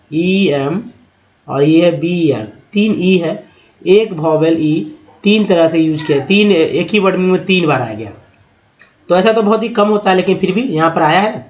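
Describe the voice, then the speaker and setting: A man teaching English reading in a patient lesson, repeating each word slowly and sounding it out. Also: a little high. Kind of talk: Hindi-language phonics lesson.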